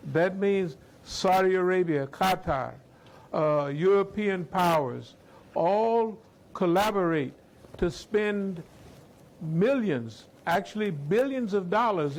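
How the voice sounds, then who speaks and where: Speaking as an imam on a discussion panel, an American man with a fairly high voice answers questions. He's slow, measured and deliberate, weighing each phrase and leaving steady pauses between thoughts.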